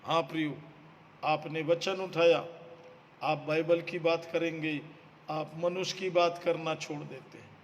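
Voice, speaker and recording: Male preacher, slow emphatic delivery, reverberant hall. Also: on the high side, steady tone. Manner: emphatic, repeats phrases, addresses listeners as beloved. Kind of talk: sermon.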